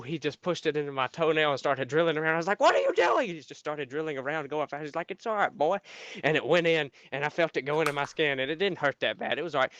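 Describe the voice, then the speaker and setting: A man's voice: a little high, a bit bright. Profane, rambling man telling a story. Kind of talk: casual spoken anecdote. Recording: muffled dry recording.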